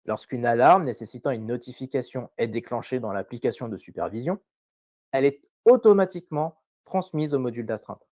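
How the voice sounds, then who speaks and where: A man presenting a scripted tutorial voice-over in a measured, didactic way, carefully enunciated. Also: medium pitch, animated, a little mellow, no echo, lo-fi sound.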